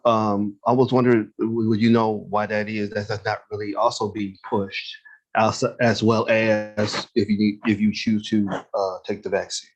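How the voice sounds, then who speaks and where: A man's voice: lowish voice, level tone, normal speed. A man asking a question in an online Q&A, hesitant with many fillers and restarts, his audio full of reverb. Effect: heavy reverb on his audio, like a big echoing room. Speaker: audience member asking a question.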